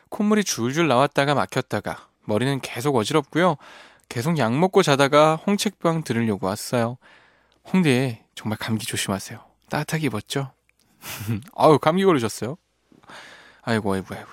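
Playful male radio DJ, lively voice. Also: mid-range voice, no echo, studio quality. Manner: playful, teasing, laughs often. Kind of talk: radio show, reading listener messages. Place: radio studio. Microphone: studio microphone.

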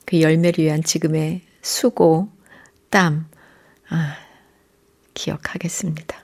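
A woman hosting a radio program, gently talking and reading out listener messages from a studio microphone. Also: low-pitched, flat delivery, slow pace, vocal fry, husky. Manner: gentle, reads listener texts aloud.

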